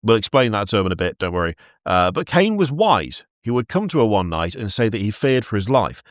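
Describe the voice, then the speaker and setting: A man with a fairly low voice retells lore on a podcast in a loose, chatty way, often breaking into giggles mid-sentence and restarting his phrases. The sound is close and dry. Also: very animated, brisk, no room sound. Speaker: podcast host narrating lore. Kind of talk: casual lore narration with chat.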